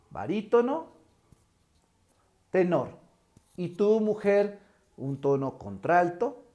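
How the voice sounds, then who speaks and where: A Mexican man with a tenor voice teaching an online lesson, acting out pitch examples as he goes. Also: darkish tone. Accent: Mexican Spanish. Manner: demonstrative, shifts pitch to show examples. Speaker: teacher trainer.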